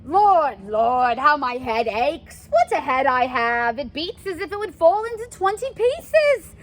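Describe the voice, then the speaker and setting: Woman putting on an old complaining Nurse, loud, wildly animated. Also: high-pitched. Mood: groaning, aching. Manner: groaning, complaining, drawn-out, theatrical. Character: weary, aching, stalling old nurse, female.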